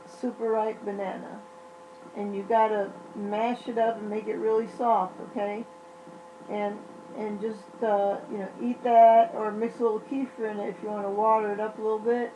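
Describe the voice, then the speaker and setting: A woman's voice: mid-range voice, warm tone, a little hiss or hum, poor audio. A woman vlogging casually while in pain and on medication, blunt and profane, rambling and restarting often. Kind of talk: casual vlog monologue.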